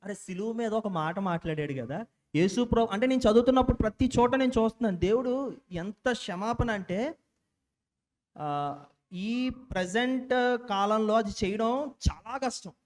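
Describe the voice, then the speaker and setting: Young male lay preacher, high voice, informal delivery, mixes English into his sermon. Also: normal speed, pauses often, a little mellow. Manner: informal, mixing English words, restarts and self-corrections. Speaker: church speaker.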